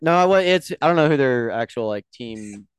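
A young man co-hosting a casual podcast chat, telling animated stories and swearing freely. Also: medium pitch, a little fast, clean tone, dry recording. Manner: animated storyteller, swears freely, acts out quotes. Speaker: podcast co-host.

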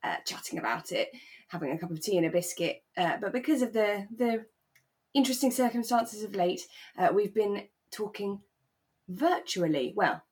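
Chatting about a radio drama on the podcast she co-hosts, a British woman talks in a mid-range, slightly rough and a little mellow voice with lively intonation at a moderate pace. She's chatty and keeps questioning what she's just said.

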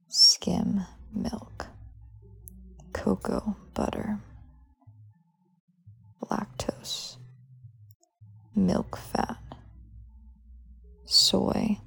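A woman hosting a sleep podcast, whispering slowly and softly as she reads lists item by item. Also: medium pitch, sing-song. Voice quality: breathy, husky whisper. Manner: slow soft whisper, reading list items one by one. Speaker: podcast host.

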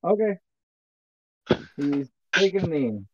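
A man running a tabletop role-playing game as game master, calling rolls in a relaxed, matter-of-fact way. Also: on the high side, slow, dull audio.

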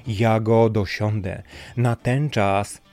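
A scheming old sea sorcerer whispers poison into a king's ear, as a narrator puts him on. He speaks slowly and smoothly, sly and persuasive. Soft music runs behind the storybook reading. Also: on the low side, steady tone.

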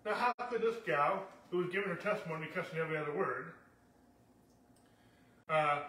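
A man's voice: sits high, pushed and bright. A man teaching a conversational sermon to a congregation, telling stories and often backing up to restart his sentences, recorded from a distance in a church meeting hall. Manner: storytelling, often backs up and restarts. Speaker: Bible teacher.

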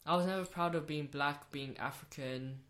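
A woman's voice: low-pitched, moderate pace, fairly bright tone. A young woman, originally from Rwanda, chatting candidly on a podcast, swearing freely and repeating phrases for emphasis. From born in Rwanda, raised in South London. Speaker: podcast guest, host's friend. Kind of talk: casual podcast chat.

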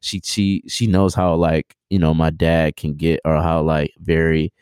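A man in his twenties, a podcast guest, talking in a relaxed, rambling, slangy way with many fillers and restarts. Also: rumbling low, measured pace, clear, resonant tone, no room sound, studio quality. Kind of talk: casual interview chat.

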